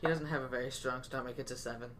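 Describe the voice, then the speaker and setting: A man's voice: medium pitch, fairly even intonation, fast, a bit bright, slight background noise. A man playing a tabletop role-playing game, talking in an easygoing, playful way. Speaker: player. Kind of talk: casual tabletop game chat.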